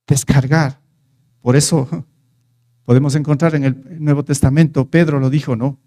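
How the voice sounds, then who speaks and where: A man's voice: medium pitch, fairly even intonation, moderate pace, dark tone. A man preaching a sermon in a conversational way, reading scripture and putting rhetorical questions to his listeners. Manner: reads scripture aloud and retells it.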